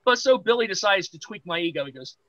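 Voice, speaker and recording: A man with a high, bright voice tells an animated anecdote as a podcast guest, jumping into other people's lines as he goes. His sound is dry and close, with no room around it. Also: fast, dry recording, low-quality recording. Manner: lively anecdote-teller, acts out quoted voices. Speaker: podcast guest, pro wrestler. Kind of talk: animated storytelling.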